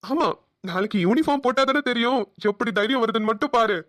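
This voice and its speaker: Woman voicing a fast-talking cartoon young husband. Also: on the high side, no echo, studio quality, lightly acted. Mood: teasing. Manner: teasing, affectionate ribbing. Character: protective young husband, a joking policeman. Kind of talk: cartoon voice acting.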